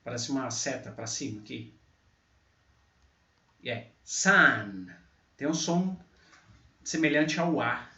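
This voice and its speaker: A man teaching a pronunciation lesson, slowly repeating example words out loud. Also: medium pitch. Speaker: English teacher. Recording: echoey, distant, dull mic.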